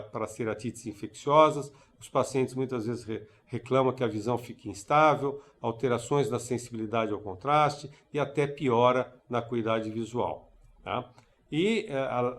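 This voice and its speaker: Halting male ophthalmology lecturer. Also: mid-range voice. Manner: halting, many fillers and restarts. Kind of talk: recorded conference lecture.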